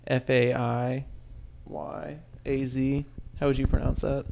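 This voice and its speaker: A man's voice: medium pitch, level tone, takes it slowly, creaky, dark tone, a little hiss or hum. A young man co-hosting a podcast in casual chat, hesitant and full of fillers, often trailing off mid-thought. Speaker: podcast co-host.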